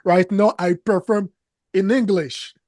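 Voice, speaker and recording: A French-Canadian business coach, French being his first language, speaks as a guest in an interview with a high-pitched, slightly mellow voice and fairly even intonation. He talks slowly, earnestly and emphatically, with some non-native grammar slips, in clean studio sound without echo.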